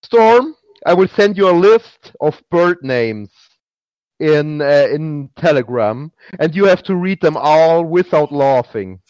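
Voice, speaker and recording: A man in a casual group chat who talks haltingly with many restarts and giggles often. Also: on the high side, lively intonation, darkish tone, no room sound, poor audio. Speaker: podcast co-host.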